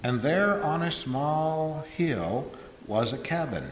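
A man preaching a sermon in short phrases, pausing for his interpreter. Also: on the high side, lively intonation. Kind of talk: sermon spoken for live interpretation. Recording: echoey hall with faint hiss.

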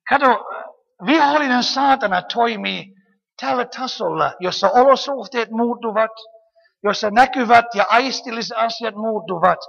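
A woman preaching a lively sermon, often calling out hallelujah and amen and asking her listeners rhetorical questions. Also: a little high, vocal fry, lo-fi sound. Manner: animated, frequent hallelujahs and amens, rhetorical questions. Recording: long hall reverb.

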